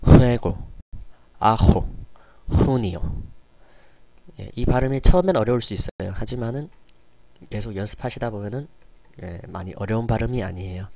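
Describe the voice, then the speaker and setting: A man teaching in a recorded online lesson, explaining patiently step by step and slowly sounding out example words. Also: on the low side, lively intonation, creaky. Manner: often starts sentences with a soft "yes". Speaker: Spanish teacher.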